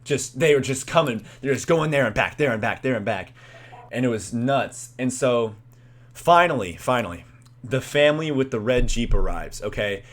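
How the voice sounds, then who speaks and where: A man's voice: mid-range voice, lively intonation, moderate pace. A young man casually telling a story, rambling with lots of "like" and restarts. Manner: rambling, heavy use of "like" and restarts.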